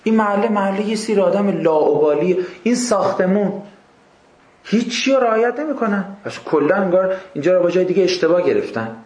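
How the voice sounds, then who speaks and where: Impassioned preacher, higher-pitched man, echoey room. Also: animated. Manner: impassioned, swings between hushed and raised voice; addresses listeners directly with rhetorical questions. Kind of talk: religious lecture to an audience.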